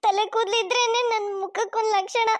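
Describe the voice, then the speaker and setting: Cartoon young wife, very high and piercing, tearful and dramatic, as a woman voices her. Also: a little fast. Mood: wailing. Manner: wailing, tearful protests. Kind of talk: cartoon voice acting.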